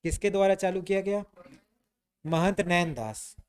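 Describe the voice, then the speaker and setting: A man's voice: high voice, animated, unhurried, smooth. A man teaching a history class, quizzing students and answering his own questions in a conversational way. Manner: conversational, repeats "ठीक है" often.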